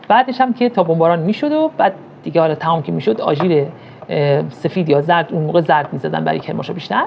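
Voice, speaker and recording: A woman's voice: lowish voice, gravelly, a little mellow, a little hiss or hum. A middle-aged woman from Iran giving a motivational talk on parenting, asking rhetorical questions and telling stories with emphasis.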